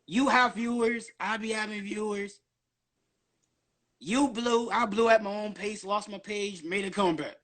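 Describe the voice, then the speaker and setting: A man's voice: high voice, fairly even intonation, a little slow, a bit bright. A man in his early twenties rambling nonstop on a casual livestream, slangy and full of swearing. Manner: profane, slangy. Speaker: guest on a social media live stream.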